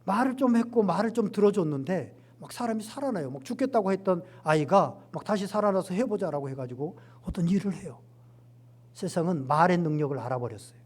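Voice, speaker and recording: A middle-aged man preaching a Sunday sermon as pastor, animated and acting out quoted lines with rising emphasis. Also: sits high, fast, few pauses, breathy edge.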